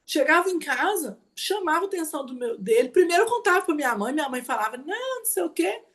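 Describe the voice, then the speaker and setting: A woman with a high-pitched voice talks fast while teaching an online class as a mentor. Animated and chatty, she weaves in personal stories and frequently asks her listeners "né, gente?"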